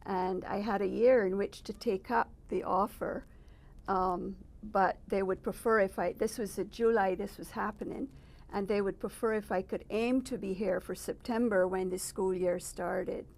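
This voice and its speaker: A middle-aged woman from Barbados, a guest telling her life story in an interview, thoughtful and measured with frequent pauses. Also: mid-range voice, steady tone, creaky, a little mellow. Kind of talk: personal testimony interview. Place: residence.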